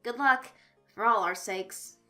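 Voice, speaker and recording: A woman's voice: fairly high pitch, takes it slowly, sharp tone, faint music behind. A woman reading a fanfic aloud, voicing a goofy teenage boy hyping up his friend. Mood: mock-serious. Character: goofy teen boy wingman player.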